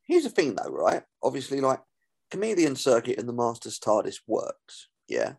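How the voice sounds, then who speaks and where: A man as a guest on a casual podcast, chatty and quick to correct, swearing freely. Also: medium pitch, huge pitch swings, creaky, darkish tone, husky.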